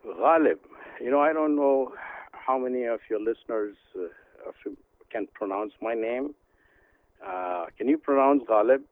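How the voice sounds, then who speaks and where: An older man from India, a guest author, talking by phone in a halting way with many pauses and restarts. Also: medium pitch, no room sound. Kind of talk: phone interview. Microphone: telephone. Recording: tinny phone line.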